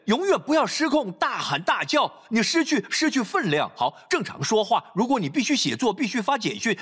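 A male pastor preaching a sermon, reading scripture and exhorting parents, swinging between loud urging and low quiet asides. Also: husky.

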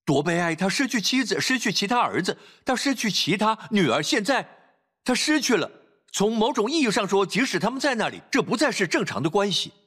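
Husky, lively-voiced male preacher. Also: brisk. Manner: preaching with sharp swings between loud exhortation and low quiet asides. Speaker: pastor. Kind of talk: sermon.

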